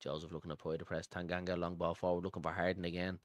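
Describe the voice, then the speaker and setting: A low-voiced man from Dublin, Ireland hosts a fan watchalong stream, giving live football commentary and matey chat while calling viewers pal and buddy. He speaks in a racing, flat delivery, with no room sound.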